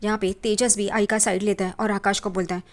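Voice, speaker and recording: Woman, mid pitch, casual conversational recap of a drama episode, slips the characters' lines into her retelling. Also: level tone, brisk. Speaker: TV serial recap narrator.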